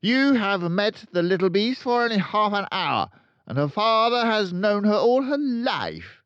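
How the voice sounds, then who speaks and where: For a children's audiobook, a man puts on a high, sing-song, exaggerated voice above his own pitch to play a huge, middle-aged, bullying headmistress, outraged and tyrannical. She barks, bellows and snorts contempt at a measured pace. The recording is dry and smooth with a fairly bright tone and highs cut off.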